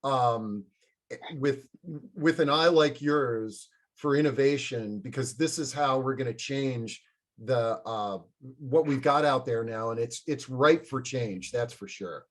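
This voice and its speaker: A man's voice: medium pitch, slow. A man hosting an interview in an informal, meandering, conversational way with enthusiastic wording. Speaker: interview host.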